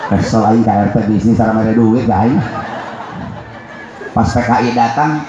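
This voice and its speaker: A Sundanese man from West Java with a Sundanese accent, preaching a comic sermon to a live crowd and calling for answers, swinging from jokes to shouted preaching. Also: on the low side, normal speed, dull audio. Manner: call-and-response, swings from joking to shouted preaching. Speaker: Islamic preacher. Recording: very echoey live hall with background noise.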